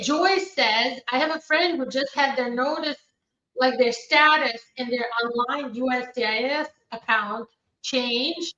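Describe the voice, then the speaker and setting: Hosting a live immigration Q&A, a Ukrainian woman attorney reads viewer questions and gives quick, practical, matter-of-fact answers with many fillers. Her slightly high voice sounds pushed and bright, captured in dull, distant stream audio with a roomy echo.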